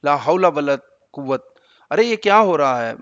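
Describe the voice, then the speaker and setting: Bedridden husband, irritable and curt, read aloud by a male teacher; fairly high voice, dry close sound. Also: animated, fairly bright tone, no room sound, dull audio. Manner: grumbling, curt. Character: sick, irritable middle-aged husband.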